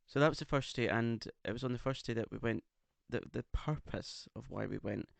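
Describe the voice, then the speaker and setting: English male podcast co-host, camp and teasing, gravelly edge, dry close-miked sound. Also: mid-range voice, a little fast, no room sound. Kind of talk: casual chat. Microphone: studio microphone.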